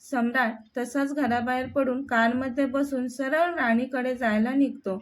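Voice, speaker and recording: A woman narrating a romantic story in a steady, plain reading voice. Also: sits high, measured pace.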